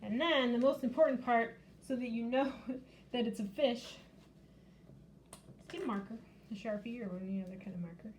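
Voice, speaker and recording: A woman leads a children's storytime at the library, reading a picture book and demonstrating a craft in plain, kid-directed speech. She talks at a normal speed in a voice on the high side, against a noisy background.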